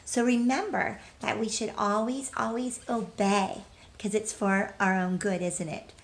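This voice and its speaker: A woman teacher with a steady-toned, medium-pitched voice reads a storybook to children without hurrying. She speaks to them directly and expressively, leaning on key words and asking the young listeners questions.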